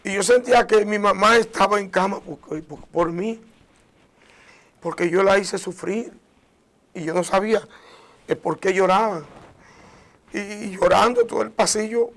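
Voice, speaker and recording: A man with a notably high voice tells his personal faith testimony. He speaks earnestly and with emotion. He often restarts phrases and sinks into softer, quieter passages. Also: steady tone, a little slow, long pauses. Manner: earnest and emotional, with many restarts and soft drops in volume. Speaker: guest sharing a testimony.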